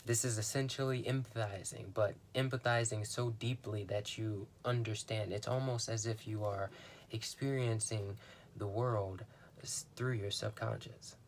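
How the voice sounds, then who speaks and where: A man's voice: fairly low pitch, fairly even intonation, a little slow, slight background noise. A young man, explaining ideas in a casual monologue, thoughtful and rambling with many fillers and restarts. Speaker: podcast host.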